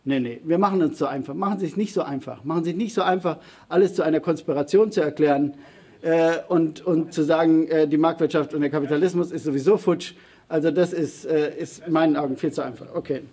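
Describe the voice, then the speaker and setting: A man with a husky, slightly high voice argues his point in a public debate. He speaks with force but keeps stalling on fillers, restarting his sentences mid-thought before pressing on. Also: fast, a little mellow. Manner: emphatic, hesitant with many fillers and restarts. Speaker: panel speaker answering audience questions.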